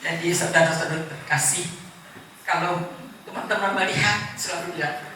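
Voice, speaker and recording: A woman's voice: on the low side, sharp tone. A woman in her seventies giving an earnest, heartfelt personal testimony at a church gathering, recorded from a distance in a large hall. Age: 70s. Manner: earnest, heartfelt, with short pauses. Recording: echoey hall, distant mic, background noise.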